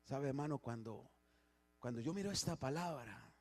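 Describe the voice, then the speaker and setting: Preaching in church, this pastor has a medium-pitched, expressive voice and a moderate pace. His delivery moves from soft, quiet passages to loud, forceful ones, with frequent repetitions and restarts.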